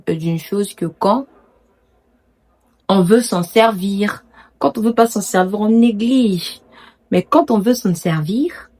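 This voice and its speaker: A woman casually sharing proverbs she is learning, sounding out words slowly and correcting herself. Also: mid-range voice, darkish tone, low-quality recording. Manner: hesitant, slow careful pronunciation attempts, self-correcting. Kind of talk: casual vlog lesson.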